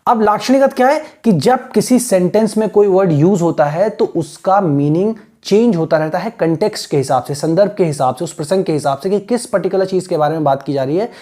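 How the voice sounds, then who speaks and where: A man giving a classroom lecture as an English teacher, explaining patiently in mixed Hindi and English and spelling words out slowly. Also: high-pitched, warm tone. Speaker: English teacher for exam aspirants.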